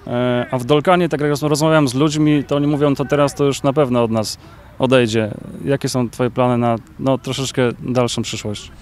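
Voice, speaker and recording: A male sports reporter interviewing a player outdoors beside a pitch, asking long questions with filler sounds. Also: steady tone, brisk, a little mellow. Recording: faint outdoor noise.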